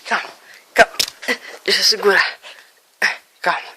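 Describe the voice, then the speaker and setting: A woman, talking in baby talk to her dog at home with high-pitched cooing that shifts into soft soothing. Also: fairly even intonation, measured pace, husky. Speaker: dog owner.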